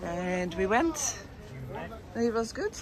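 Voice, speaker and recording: Touring an outdoor city market on foot, a woman vlogs in a casual, rambling way, correcting herself and often laughing. Her voice runs on the high side, very animated yet slow, over street traffic and bustle.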